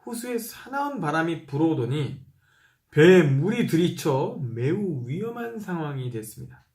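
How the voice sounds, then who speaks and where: A man reading a Bible passage aloud and explaining it in a casual way, animated, asking many questions as he thinks aloud. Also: fairly high pitch. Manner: acts out quoted lines in a livelier voice. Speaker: Bible reader and commentator.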